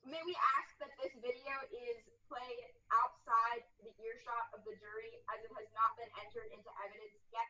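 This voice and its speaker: A young woman arguing as a government attorney in a mock trial over a video call, halting and repeating words while her audio cuts out and sounds very quiet. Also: a little high, level tone, lo-fi sound. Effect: cutting-out, very quiet video-call audio. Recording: faint, dropping stream audio from far off.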